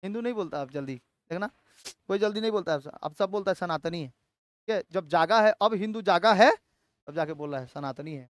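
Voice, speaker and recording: A man's voice: sits high, a little fast, no echo. Man, history teacher, asks and answers his own questions, dry close sound. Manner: asks the class questions and answers them himself, with frequent "theek hai" check-ins. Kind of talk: classroom history lecture.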